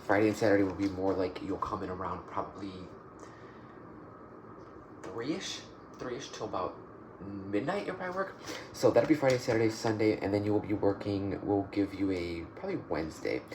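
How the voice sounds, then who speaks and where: A soft-spoken man in an ASMR job interview role-play, playing the interviewer and speaking haltingly, often repeating and rephrasing his phrases. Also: fairly low pitch. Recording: noisy, with clicking and typing sounds.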